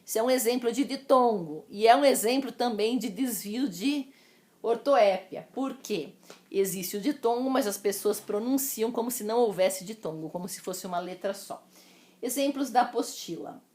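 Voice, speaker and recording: A Brazilian woman teacher giving a recorded lesson, drawing out each example word slowly and calling her students "amores". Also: a little high, darkish tone. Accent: Brazilian Portuguese. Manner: slow, drawn-out pronunciation of example words; affectionate, addresses students as "amores".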